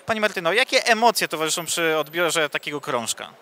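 A man's voice: on the high side, lively intonation, brisk, bright, forceful tone. A male reporter asking athletes formal questions in a post-event sports interview.

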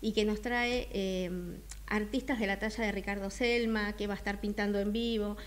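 A middle-aged woman with a Buenos Aires Argentine accent is a guest on a radio interview about the art expo she organizes. Her medium-pitched voice is steady and normal-paced, hesitant and agreeable, picked up by a close headset mic in a small studio with slight background noise.

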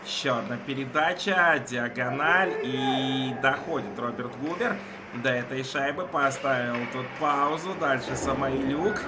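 A man's voice: medium pitch, measured pace. A man giving live play-by-play ice hockey commentary in short, clipped phrases. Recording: noisy ice rink broadcast.

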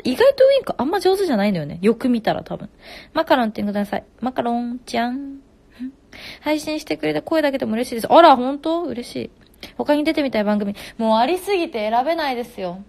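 Her voice sits a little high with a darkish tone. In her twenties, she hosts a relaxed phone live stream from her home, reading comments aloud and replying fast.

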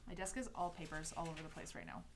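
A woman in her thirties with a Canadian accent teaches a calligraphy livestream from a home desk studio, chatting casually through a headset. Her voice sits low with big pitch swings, and she talks fast, rambling, interrupting and correcting herself with light laughs. Background noise can be heard.

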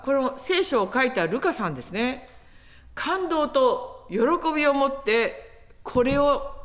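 A woman preaching a sermon in an animated storytelling manner, acting out quotes as she goes. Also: fairly high pitch. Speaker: pastor.

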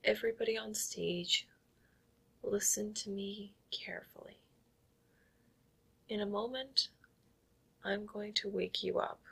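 A woman playing a stage hypnotist who calls herself a zombie queen, giving soft whispered commands in an ASMR hypnosis roleplay. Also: medium pitch, fairly even intonation, slow, vocal fry, pauses often, slightly rough, exaggerated voice, rough recording. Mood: playful.

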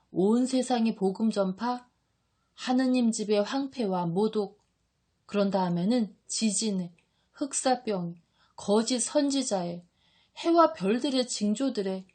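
A woman's voice: on the high side, mellow, pitched above the performer's own voice. A woman doing an agitated, doubting disciple, Thomas. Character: excited, doubting male disciple. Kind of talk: audiobook reading.

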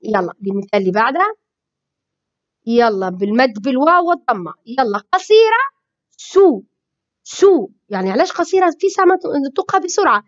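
High lively woman drilling syllables. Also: no room sound. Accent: Libyan Arabic. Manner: slow, drawn-out syllable drills, each sound said twice. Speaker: Arabic reading teacher. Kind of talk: children's phonics lesson. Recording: dull lo-fi recording.

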